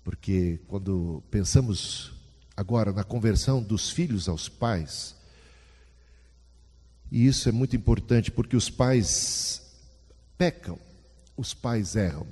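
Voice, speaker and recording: A man's voice: fairly low pitch, takes it slowly, long pauses, warm tone, slightly rough. Man preaching in a reverberant hall. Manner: conversational, asks the audience questions. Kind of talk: sermon.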